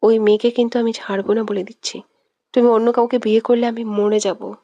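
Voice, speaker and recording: A woman's voice: a little high, little pitch movement, fairly quick, mellow, no room sound, lo-fi sound, lightly acted. A woman voicing a jealous young woman who sobs, pleads and accuses her beloved in a romantic audio story. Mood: tearful, accusing. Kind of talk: scripted audio drama reading.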